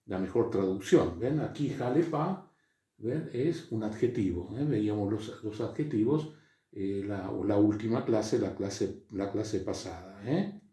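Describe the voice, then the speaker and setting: Slow guy teaching greek, low mellow voice, super echoey classroom. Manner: slow, halting, full of fillers and checks like "¿eh?" and "¿ven?". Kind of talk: classroom lecture.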